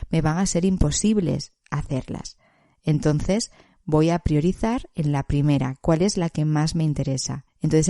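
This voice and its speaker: Woman psychologist, gravelly mellow voice, dry close sound, calm teaching podcast delivery. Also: low voice, no echo. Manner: calm, explanatory, with frequent checking questions. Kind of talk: educational podcast talk.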